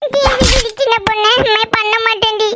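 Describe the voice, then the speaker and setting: A woman's voice: very high-pitched, fast, pushed and bright, dry recording. Woman doing a sly snack-stealing girl. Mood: pleading. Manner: sly, whiny when caught. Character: sneaky young woman, snack thief.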